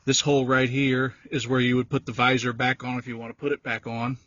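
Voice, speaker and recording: A man with a medium-pitched, fairly bright voice talks flatly and fairly quickly, giving a casual, folksy walkthrough in and around a pickup truck cab as a vehicle DIY video creator. He rambles a little while explaining things informally. The handheld phone or camera audio is dull and lo-fi, with a roomy echo.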